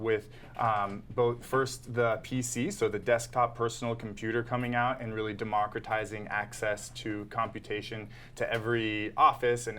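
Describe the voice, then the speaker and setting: A man appearing as a guest on a live web show, calmly explaining his company's product in an explanatory pitch. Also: slight background noise. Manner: composed, explanatory pitch delivery. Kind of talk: explaining to an interviewer.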